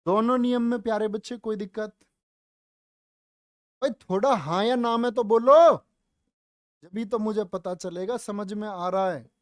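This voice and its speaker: A man's voice: sits high, measured pace, pauses often, no echo, studio quality. A man teaching a live online Hindi exam-prep class, coaxing his students, calling them dear children and brother, and asking questions that he answers himself.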